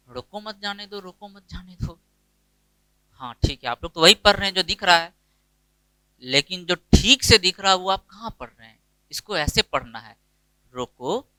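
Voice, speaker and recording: A man's voice: fairly high pitch, pushed and bright, smooth, no room sound, low-quality recording. A man teaching an English grammar lesson in Hindi with an Indian English accent, explaining step by step and asking and answering his own questions. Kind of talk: online classroom lecture.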